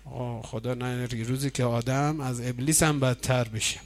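A man's voice: medium pitch, flat delivery. A man preaching in a mosque as he leads a Quran session, explaining religious traditions and building up to raised, emphatic points. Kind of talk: sermon.

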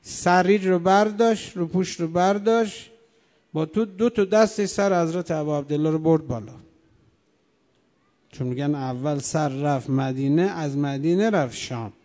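High-pitched male preacher, impassioned mourning storytelling, long hall echo. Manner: impassioned, swelling to loud drawn-out chanting. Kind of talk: religious mourning sermon, storytelling.

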